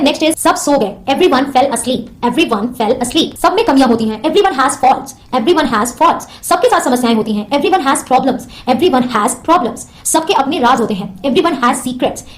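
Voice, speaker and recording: Woman, high-pitched voice, slow careful repeats of each phrase, brisk explanations. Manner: repeats each English phrase slowly, explains quickly in Hindi. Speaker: English teacher. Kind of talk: bilingual language lesson.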